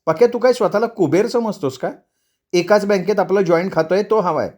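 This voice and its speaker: A man voicing a bossy, excitable young wife who scolds her husband. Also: high-pitched, brisk, pitched above the performer's own voice.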